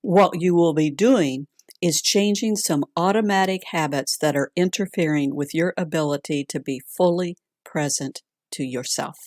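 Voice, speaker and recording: A woman instructor leading a calm grounding exercise in a gentle, deliberate way. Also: sits low, no echo, clean studio sound. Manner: slow, gentle, deliberate with long pauses.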